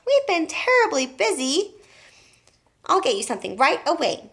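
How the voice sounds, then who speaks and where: A frantic mother shrieks and wails in a piercing high voice, always on the edge of panic, as a woman puts her on for a storybook. Her voice jumps about wildly as she cries out. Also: very animated, moderate pace, fairly bright tone, full character voice. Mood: panicky shrill.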